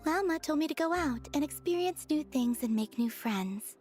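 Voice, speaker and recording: An actress voicing a gentle, naive young woman in a video game, polite, earnest and matter-of-fact. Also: sits high, animated, moderate pace. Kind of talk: video game character dialogue. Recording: background music under the dialogue.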